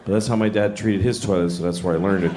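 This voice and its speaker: A man's voice: sits low, steady tone, quick pace, a loud crowd, very noisy. A middle-aged man performing stand-up comedy, telling dry, self-mocking stories and slipping into acted-out voices. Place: live comedy venue. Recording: echoey venue with loud audience laughter.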